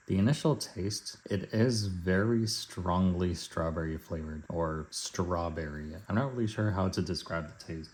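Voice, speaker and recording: Male food reviewer, low-pitched voice, casual and matter-of-fact, talking through a taste test in measured phrases.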